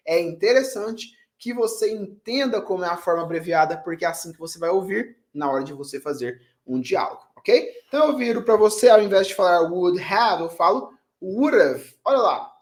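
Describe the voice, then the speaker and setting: Man teaching English, slow example sentences. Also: high voice. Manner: reads English example sentences slowly, then translates them. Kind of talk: online language lesson.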